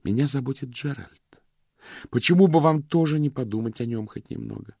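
A man's voice: medium pitch, brisk, gravelly, warm tone, slightly rough, no room sound, voice pushed up. A male reader voicing a cold, cutting woman in a dry, close recording. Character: cold, mocking, unyielding woman.

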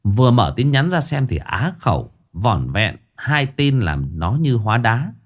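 A man narrating a story in an expressive, playful way. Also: mid-range voice, a little slow.

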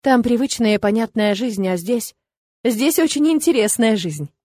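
A woman voicing a young female student heroine in an audiobook, soft and questioning, slightly plaintive. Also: a little high, expressive, moderate pace, no room sound. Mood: anxious, spirited.

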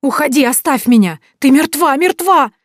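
A woman voicing a terrified young woman who screeches and shouts in panic. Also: medium pitch, brisk, no room sound, studio quality, lightly acted. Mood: panicked, hysterical.

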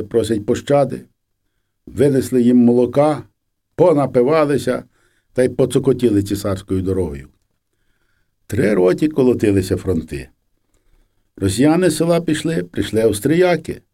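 A man narrating a memoir as an audiobook, in a steady, measured reading. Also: mid-range voice. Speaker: audiobook reader.

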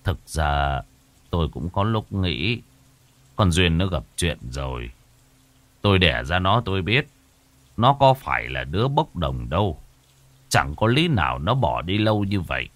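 A man voicing a worried village father brooding over his missing daughter in a low, heavy way. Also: big pitch swings, a little slow, pauses often, a bit bright, no echo, full character voice.

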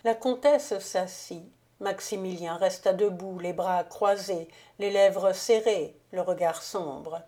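A woman narrating a classic novel as an audiobook reader, measured and literary. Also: on the low side, dark tone. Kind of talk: scripted narration.

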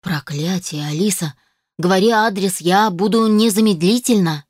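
A woman's voice: medium pitch, normal speed, a little mellow, no room sound, studio quality, close to an everyday voice. A woman reading the lines of a worried, protective adoptive father in an audiobook, anxious and urgent.

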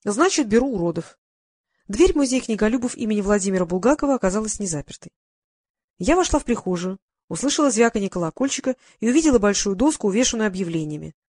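A woman reading a first-person novel aloud in a lively, ironic storytelling manner. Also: mid-range voice, fast talker, no room sound, studio quality. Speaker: audiobook narrator. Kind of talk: first-person audiobook narration.

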